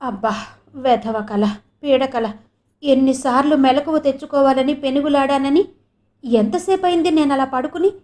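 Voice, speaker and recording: A woman's voice: sits high, moderate pace, darkish tone, close to an everyday voice. A woman reading an audio novel voices a frail young woman who talks in weak, anxious, pleading questions. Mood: relieved. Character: frail young woman waking dazed and frightened.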